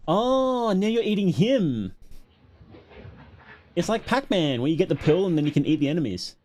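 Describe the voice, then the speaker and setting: With a fairly high, sing-song voice and a darkish tone, a man hosts a livestream at normal speed, reacting to a horror series. He muses aloud and reads out viewer comments as he goes.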